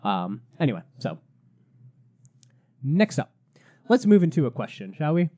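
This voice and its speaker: A young man hosting a casual gaming podcast, chatty and quick to laugh, steering the talk from topic to topic. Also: a little high, big pitch swings, warm tone. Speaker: podcast host. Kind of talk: casual chat.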